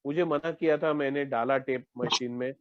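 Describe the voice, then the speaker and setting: A man's voice: medium pitch, fairly even intonation, moderate pace. A man from India telling his own recovery story at an online meeting, earnest, acting out his past words to his family and himself. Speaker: recovering alcoholic sharing at a meeting. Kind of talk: personal recovery share. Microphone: online meeting call. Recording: dull lo-fi online call audio.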